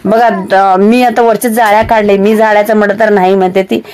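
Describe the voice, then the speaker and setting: A woman's voice: medium pitch, flat delivery, fairly quick, darkish tone. Chatty woman narrating a home vlog. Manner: chatty, rambling, with frequent fillers and restarts. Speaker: vlogger.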